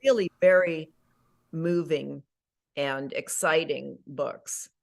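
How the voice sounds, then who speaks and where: Gravelly and low, this middle-aged woman's voice moves at a slow pace as she chats informally in an interview. She's an actress and audiobook narrator, animated and prone to fillers and correcting herself.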